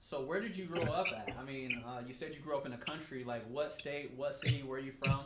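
Podcast host, man in his forties, casual and upbeat, lots of "um"s, echoey room with steady background hiss. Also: mid-range voice, a little fast. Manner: upbeat, repeats himself, many fillers. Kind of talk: casual interview. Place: small home studio. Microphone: desk mic on a stand.

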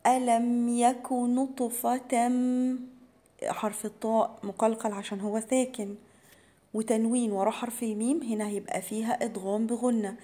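Egyptian woman, recitation teacher, slightly high mellow voice, slow careful recitation with brisk explanations. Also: fairly even intonation. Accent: Egyptian Arabic. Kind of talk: tajweed lesson for beginners.

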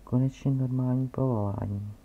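A man reading aloud and voicing a gentle, curious little prince who asks questions softly, captured on a dull, lo-fi recording. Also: mid-range voice, fairly even intonation, vocal fry, voice pushed up.

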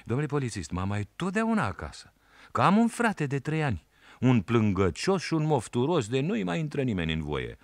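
A man voicing a cheeky, quick-witted village schoolboy, a raftsman's son, with playful sing-song calls. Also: medium pitch, wildly swooping pitch, dry recording, studio quality, voice pushed up.

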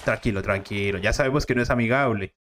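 A man voicing a calm father who keeps reassuring his son in a slow, low voice. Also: heavy background noise, close to an everyday voice. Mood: soothing. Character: calm soothing father Roberto.

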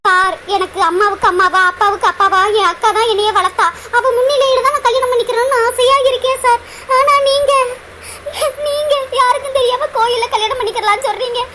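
A timid young village woman in a cartoon, with a squeaky, very high voice and a Kanyakumari Tamil accent. She pleads anxiously and keeps deferring to the man she loves. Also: steady tone, fairly quick, pushed and bright, slight background noise. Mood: tearful. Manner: pleading, keeps saying sir. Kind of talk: cartoon voice acting.

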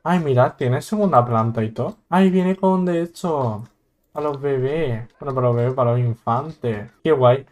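A man with a Spain Spanish accent talks through a video game. He jokes, exclaims and laughs often in a mid-pitched voice. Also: moderate pace, a little mellow. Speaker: gaming YouTuber. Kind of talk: let's play commentary.

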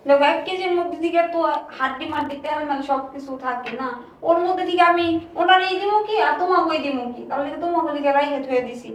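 Woman as young wife, fast and high, echoey room far from the mic. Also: a little hiss or hum, natural voice. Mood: explaining. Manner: urgent, hushing then shouting back. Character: stingy young wife defending herself to her husband. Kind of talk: amateur short-film acting.

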